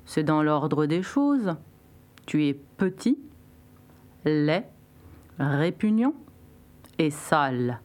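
Woman doing a deep, haughty lion king. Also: very animated, extremely slow, pauses often, a little mellow, exaggerated voice. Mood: scornful. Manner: dismissive, lordly.

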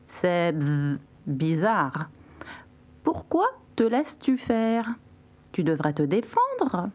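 A woman's voice: lowish voice, huge pitch swings, slow, full character voice. A woman voicing a meddling little female fly who speaks in an insistent, buzzing way in a storybook. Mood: urging.

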